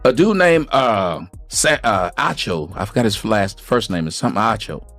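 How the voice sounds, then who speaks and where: A man's voice: lowish voice, expressive, normal speed, fairly bright tone, faint music behind. A man in casual commentary, hesitant and searching for words with fillers.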